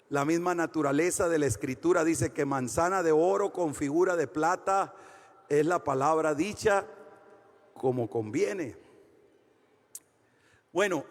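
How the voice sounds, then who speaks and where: High-voiced fervent preacher. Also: male voice, big-room sound. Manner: fervent, swings between shouting and hushed storytelling. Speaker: pastor. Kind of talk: preaching a sermon.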